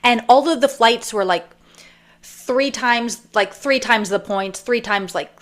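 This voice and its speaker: A woman's voice: a little high, a little slow. A woman from Canada, a podcast guest and author, telling a personal story in a chatty, rambling way with many fillers. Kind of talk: casual storytelling interview.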